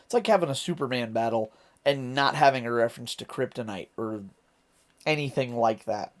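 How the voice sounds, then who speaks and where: This Ohio man speaks with an American accent in a mid-range voice at a fairly quick clip. Hosting a reaction video, he thinks aloud while loosely working through what the lyrics mean.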